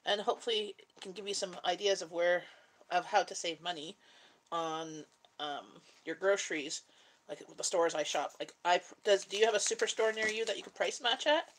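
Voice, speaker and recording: Cooking on her live stream, this middle-aged Canadian mom chats away with viewers, giggly and talkative. Her voice sits lowish with a fairly bright tone at a normal pace, and there's a little hiss or hum in the audio.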